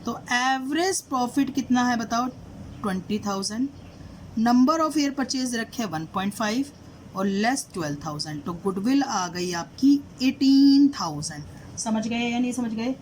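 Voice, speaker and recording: A woman's voice: fairly high pitch, lively intonation, measured pace, slight background noise, low-quality recording. A woman teaching accounting. She explains a solved problem step by step, often asks her students questions and mixes English terms into her Hindi. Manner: asks students questions and repeats "did you understand?".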